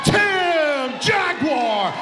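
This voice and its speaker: A man's voice: extremely high pitch, sing-song, shouting, music in the background, a crowd in the background. A man announcing fighters like a boxing ring announcer, ceremonially drawing out names over an echoey arena sound system. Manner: drawn-out, ceremonial delivery of names. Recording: echoey arena public address.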